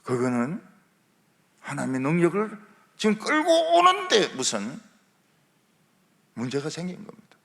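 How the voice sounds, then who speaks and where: Male revival preacher, wildly expressive delivery, long church hall reverb. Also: a little high, unhurried, creaky, pauses often. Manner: lively preaching with rhetorical questions and humor. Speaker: pastor. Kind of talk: revival sermon. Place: large church sanctuary.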